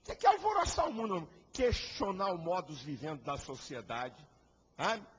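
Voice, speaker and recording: A man's voice: high-pitched, sing-song, moderate pace, background noise. A man, a pastor, preaching a fiery and combative sermon full of rhetorical questions. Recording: echoey hall, dull lo-fi sound.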